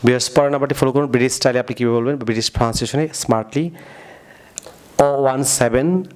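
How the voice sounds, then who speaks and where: A man teaching English as a video lesson, who often addresses his viewers and says digits slowly and deliberately so they can repeat them. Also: mid-range voice, steady tone. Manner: keeps addressing the audience as viewers. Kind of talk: video lesson drilling spoken numbers.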